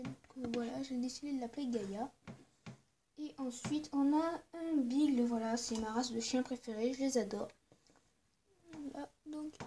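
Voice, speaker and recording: A woman's voice: on the high side, mellow, a little hiss or hum. A woman vlogging casually as she shows her collection, hesitant, with many fillers and asides. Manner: hesitant, full of "euh" and "voilà" fillers. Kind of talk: casual show-and-tell vlog.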